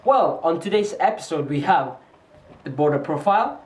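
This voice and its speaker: A teenage boy with a New Zealand accent hosts an amateur school show in stiff, formal interviewer phrases. His voice sits notably high. He sounds set back from the mic in an echoey room. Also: expressive, moderate pace, recorded from a distance. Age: teens. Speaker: student host of a school boarding-house show.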